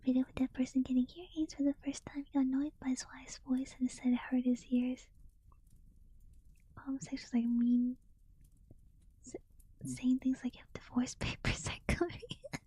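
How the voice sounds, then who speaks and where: Woman, soft whisper, sleepy, mellow, airy breathy tone, livestream host. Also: high voice, flat delivery, moderate pace, long pauses, dry recording, rough recording. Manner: soft unvoiced whisper throughout. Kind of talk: whispered casual stream chat and reading aloud.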